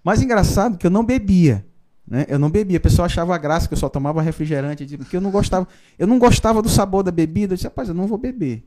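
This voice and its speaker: A man, a pastor giving his conversion testimony in a podcast interview, telling it in a lively storytelling way with frequent tag questions. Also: high-pitched, fast. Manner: storytelling, animated, frequent "né?" tags.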